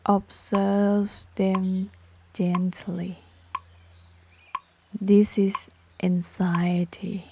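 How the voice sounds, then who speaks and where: A woman leading a guided meditation in short, sparse phrases with long pauses, her voice soft, breathy and partly whispery. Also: mid-range voice, little pitch movement, a little hiss or hum. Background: metronome clicks.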